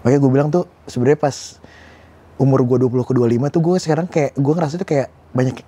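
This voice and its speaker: Casting: man, late 20s, quick rambling delivery, candid and self-critical. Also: medium pitch, fairly even intonation, dark tone, slightly rough. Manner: fast, rambling, self-critical, informal slang. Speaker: guest. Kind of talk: casual candid conversation.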